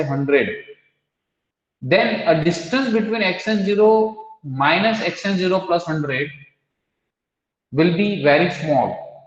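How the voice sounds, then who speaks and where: Guy teaching a math class, kinda high voice, asks the room questions, echoey hall. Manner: explains step by step, quizzes the class. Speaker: mathematics lecturer. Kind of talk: classroom lecture. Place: lecture hall with students. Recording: echoey hall, dull lo-fi sound.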